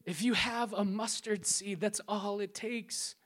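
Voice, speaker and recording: A man preaching a sermon. He acts out scripture scenes and sometimes drops to a hushed, prayerful tone. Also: high voice, steady tone, a little slow. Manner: acts out scripture scenes and crowd voices with playful sound effects.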